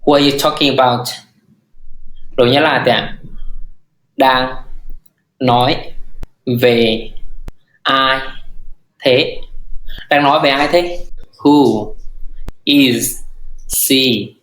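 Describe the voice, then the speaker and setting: A man teaching a language lesson, repeating phrases slowly and word by word. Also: mid-range voice, steady tone, a bit bright, roomy sound, low-quality recording.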